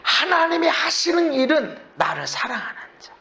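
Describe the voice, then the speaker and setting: Male pastor preaching, high bright voice, muffled lo-fi church recording. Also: normal speed, vocal fry. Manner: animated preaching, acts out complaints. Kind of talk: sermon.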